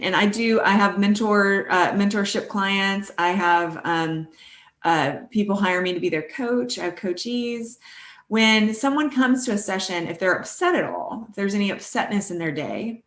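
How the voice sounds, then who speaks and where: A middle-aged woman coach leads a live online class in an encouraging, conversational way. She often stops to put questions to her audience. Her voice sits at an ordinary pitch and carries a noticeable room echo. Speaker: life coach.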